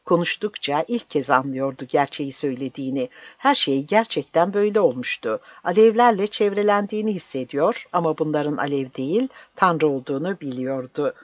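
A narrator reading a novel aloud at a steady, measured pace. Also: mid-range voice, dry recording, dull audio. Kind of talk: audiobook narration.

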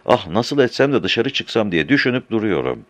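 A man's voice: lowish voice, sing-song, normal speed, fairly bright tone, no echo. A man voicing a chatty woman artist who tells her dream in an emphatic, insistent and slightly impatient way.

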